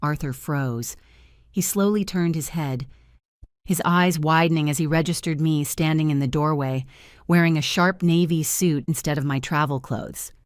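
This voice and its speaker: A woman with a very low voice narrates a first-person drama story in a steady, even manner. The sound is dry and close, with no room echo. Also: moderate pace.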